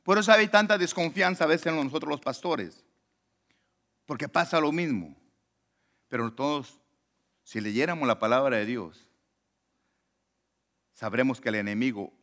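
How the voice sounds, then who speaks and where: A male pastor preaching a sermon, swinging between loud emphatic lines and low murmured asides, and acting out the voices in the story. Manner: acts out quoted voices in the story.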